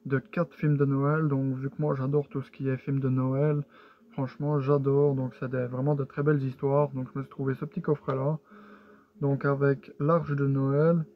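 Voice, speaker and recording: A man with a fairly high voice shows his purchases in a casual haul video, stumbling through with many fillers and restarts. The sound is tinny and lo-fi, with faint music and a little hiss or hum.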